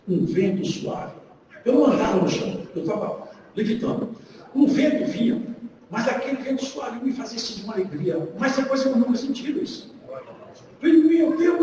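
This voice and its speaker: A preacher with a Minas Gerais Brazilian accent delivers a sermon in a strikingly high voice that swoops and climbs. He tells a story with acted dialogue and shouts at its peaks. He is heard from far off in a big church hall with long reverb and clear background noise. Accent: Brazilian Portuguese, Minas Gerais.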